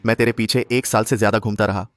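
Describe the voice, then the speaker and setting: A man's voice: on the low side, little pitch movement, fast talker, a little hiss or hum, lightly acted. An actor dubbing an arrogant, jealous rich young man who insults and threatens his rival. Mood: contemptuous. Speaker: rival suitor. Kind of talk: Hindi dubbed short drama. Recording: dubbed voice with music behind.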